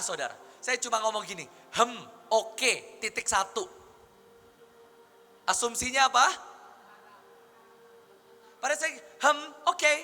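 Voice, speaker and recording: A male pastor teaching a church audience in a lively, conversational preaching style, full of rhetorical questions. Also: high voice. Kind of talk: sermon teaching. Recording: long hall reverb with faint music.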